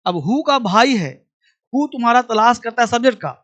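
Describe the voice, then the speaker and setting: A man's voice: very high voice, expressive, normal speed, a bit bright. A man teaching an English grammar lesson for exam students, explaining in Hindi, repeating each key point as if dictating and calling students son or kid.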